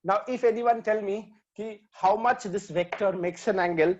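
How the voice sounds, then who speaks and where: A man's voice: high voice, drawn-out words, lo-fi sound. A man teaching physics. He switches between Hindi and English and works through sums aloud, counting step by step. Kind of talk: online lecture.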